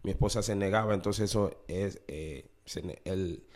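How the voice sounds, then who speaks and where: A man's voice: sits low, normal speed, darkish tone. A man giving an earnest, confessional podcast testimony, often repeating his phrases. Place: New Orleans.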